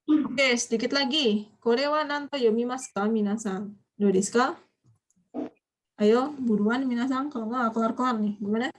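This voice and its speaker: A woman teaches a Japanese vocabulary class with a fairly high voice. She keeps quizzing her students and nudges them along when they are slow to answer.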